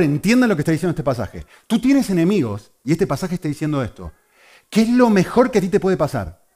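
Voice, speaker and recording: A man from Argentina with an Argentine Spanish accent, preaching a sermon in an animated way and asking his listeners questions. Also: fairly high pitch. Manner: animated, asks the audience questions.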